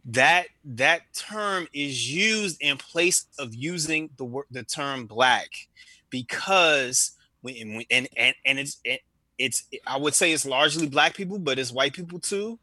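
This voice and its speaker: A man hosting a round table podcast talks earnestly, restarting his phrases as he works through a thought. His voice is strikingly bright and forceful. The sound is dry, with no room around it. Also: medium pitch, dry recording. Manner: earnest, halting with many restarts. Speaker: podcast host.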